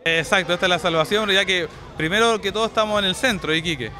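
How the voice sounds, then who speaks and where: A man's voice: high-pitched, fast, sharp tone. A man interviewed outdoors on a pedestrian street, speaking hesitantly with many restarts and fillers. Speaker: summer school staff member.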